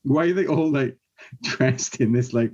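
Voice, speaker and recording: A man's voice: mid-range voice, unhurried, darkish tone. A man chatting on a film podcast, talking freely and laughing between points. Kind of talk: casual chat. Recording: dull lo-fi audio.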